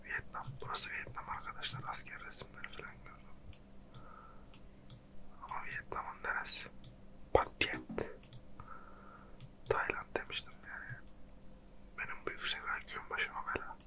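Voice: normal speed, pauses often, poor audio. Close whispering ASMR game host. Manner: casual, slangy, self-mocking. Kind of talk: whispered ASMR geography guessing-game commentary. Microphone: close microphone.

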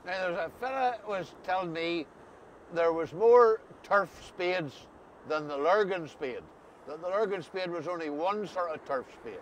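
Halting Ulster Scots man, higher-pitched, outdoors. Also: poor audio. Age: middle-aged or older. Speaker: interviewer. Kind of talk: casual interview chat. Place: outdoors on a grassy coastal path by the sea. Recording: faint outdoor ambient noise.

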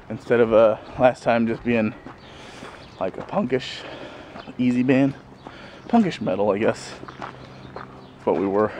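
Holding the camera at arm's length, a man in his thirties chats loosely in a sunny backyard for his vlog, chuckling and using plenty of fillers. His pitch is medium and a bit mellow, with faint outdoor sounds in the background.

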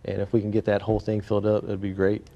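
Deep gravelly-voiced laid-back man. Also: completely flat delivery, fast talker, dark tone, dull audio. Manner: laid-back, polite, many fillers. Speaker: motorcycle club member, guest. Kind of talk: TV studio interview. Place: local TV news studio, on a couch. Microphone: lapel mic.

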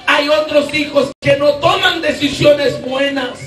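High-voiced fervent man preaching, echoey. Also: steady tone, a little slow, a little hiss or hum. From Guatemala. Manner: fervent, shouting and asking the crowd for replies. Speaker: evangelist preacher. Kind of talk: sermon. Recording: echoey room from far off.

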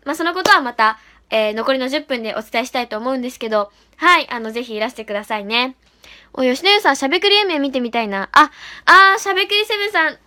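A woman livestreaming as an idol, talking fast and bubbly while reading out and answering chat comments. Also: sits high, pushed and bright. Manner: bubbly, often repeats "really".

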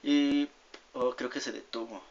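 A young man giving rambling gameplay commentary, easily distracted and yelling when things go wrong. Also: medium pitch, fairly even intonation, a little slow. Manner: rambling, easily distracted, shouts at game mishaps. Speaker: gamer. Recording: dull lo-fi audio with loud game music.

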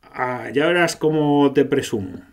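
A man's voice: medium pitch, lively intonation, a little slow. Male game commentator; irreverent, sarcastic reads of dialogue. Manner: sarcastic, irreverent, swears freely. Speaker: gameplay commentator. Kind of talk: gameplay commentary, reading and parodying dialogue.

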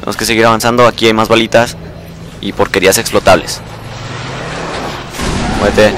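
Young guy playing and commentating, excitable, repeats stuff, lowish voice, game noise behind. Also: brisk. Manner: excitable, swears and repeats words in bursts. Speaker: gameplay commentator. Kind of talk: casual live gameplay commentary.

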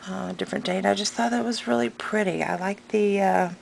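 Speaking fairly quickly in a steady, mid-range voice, this craft vlogger and pattern seller chats through a casual, unscripted show-and-tell. Her delivery is hesitant and rambling yet eager, with speech slightly hampered by a tongue piercing. She sits indoors at a home craft table, and the recording has obvious background noise.

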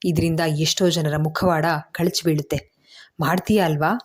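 A woman's voice: deep voice, fairly even intonation, moderate pace. A woman voicing a worried young husband who speaks urgently and then reassures his wife. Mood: concerned.

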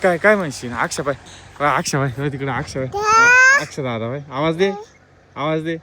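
A woman's voice: low-pitched, a little fast, very noisy. A young woman talking to her baby daughter in coaxing baby talk, repeating short phrases in a sing-song way.

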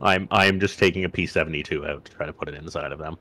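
A man's voice: very deep voice, steady tone, fast, pushed and bright, slight background noise. A man in casual gaming chat, making laid-back, wry remarks about the game. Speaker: fellow player.

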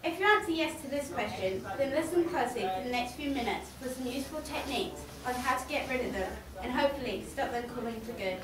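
A woman's voice: sits high, expressive, quick pace, hardly any pauses, a crowd in the background. A woman giving a humorous prepared speech to an audience, playfully acting out little scenes. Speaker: student speaker. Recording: echoey hall, mic far off, audience.

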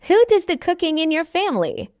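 Reading a simple English dialogue for learners, a woman enunciates with care and repeats each line in this slow scripted reading. Her very high voice has a darkish tone and swoops wildly in pitch, while her delivery itself is brisk. The audio is dry, studio-quality sound.

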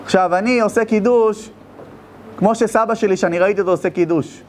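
A rabbi preaching a sermon, telling stories and firing rhetorical questions with passion. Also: male voice, sits high, darkish tone, slight background noise.

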